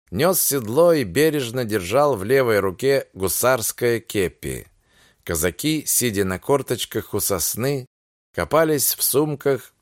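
A man narrating a literary audiobook in a measured, unhurried storytelling manner. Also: mid-range voice, no echo, clean studio sound.

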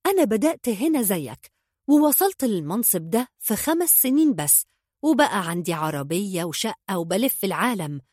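A woman's voice: mid-range voice, big pitch swings, normal speed, darkish tone, no echo, studio quality. A woman voicing a flamboyant, boastful young gangster man with an Egyptian accent, reading a storybook. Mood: smooth pitch. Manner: boastful, showy, eager.

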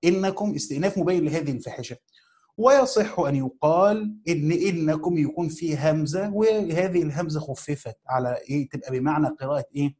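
A man with a fairly high, slightly mellow voice and an Egyptian Arabic accent teaches a class. He reads a commentary slowly, phrase by phrase, repeating key words for emphasis and putting rhetorical questions to his students as he explains the text.

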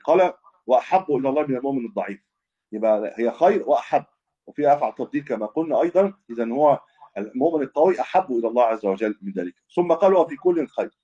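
A man's voice: mid-range voice, dark tone, husky. A man teaching a religious lesson as a scholar, explaining hadith and often restating and correcting himself. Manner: explanatory, repeats and restates points, self-corrects. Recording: dull lo-fi recording.

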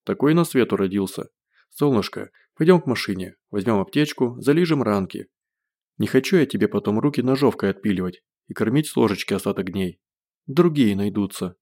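A man playing a tough, controlled man who speaks calmly and curtly with dry humor. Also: fairly low pitch, fairly quick. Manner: calm, curt, dry humor.

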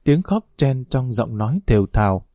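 A male narrator reads a war story with steady storytelling. His voice is mellow and dark, recorded close and dry with no room sound. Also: mid-range voice, moderate pace, no echo. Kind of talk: audiobook narration.

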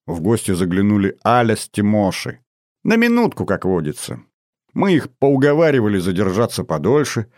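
Male audiobook narrator, low voice, measured storytelling, dry close mic. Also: lively intonation, darkish tone, no echo. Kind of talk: scripted narration.

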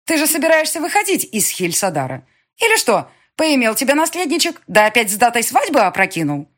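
A woman's voice: fairly high pitch, big pitch swings, a little fast, a bit bright, voice pushed up. A woman voicing a hysterical, scheming young mistress who screeches and whines. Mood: mocking. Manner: screeching, whiny.

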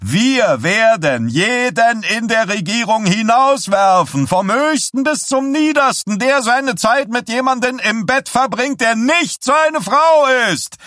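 A roaring candidate, high revival-preacher singsong, bellowing to a crowd, dry close sound, audiobook voice. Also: male voice, animated, slow pace, hardly any pauses, sharp tone, no echo, heavily acted. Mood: bellowing rally. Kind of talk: audiobook character voice.

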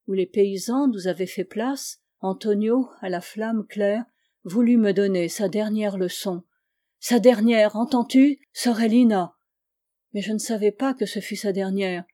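Mellow-voiced woman reading a tale aloud. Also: medium pitch. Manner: expressive, dramatic storytelling. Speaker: audiobook reader. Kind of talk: literary audiobook narration.

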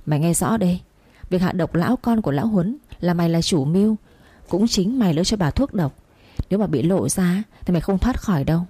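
A woman's voice: fairly low pitch, lively intonation, brisk, warm tone, husky, no room sound. Woman doing a furious scheming second wife.

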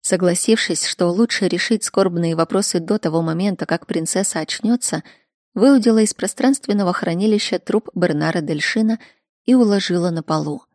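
A woman narrating a first-person story in an even, measured reading. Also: lowish voice, dry recording, clean studio sound. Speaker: audiobook narrator.

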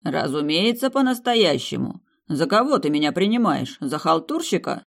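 An audiobook reader voicing a mysterious male demiurge who speaks slowly and calmly, gently chiding. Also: medium pitch, vocal fry. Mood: wry. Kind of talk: audiobook character voice.

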